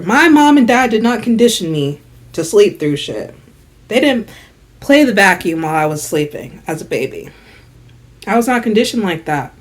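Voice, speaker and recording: Animated young woman telling a story. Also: mid-range voice. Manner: animated, slangy, swings from hushed asides to loud exasperated bursts. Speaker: vlogger. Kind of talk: casual storytime chat.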